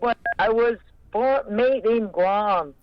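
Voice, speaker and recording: A woman from Korea with a Korean accent, a cheerful, laughing radio guest who speaks in halting English. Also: a little high, muffled recording, background noise. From South Korea. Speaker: guest, community volunteer. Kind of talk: casual radio chat.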